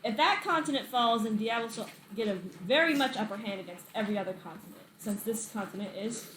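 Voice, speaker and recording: A woman's voice: on the high side, fast, a bit bright. A woman acting as game master in casual, giggly tabletop banter, swearing freely as she narrates. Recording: echoey room with background noise.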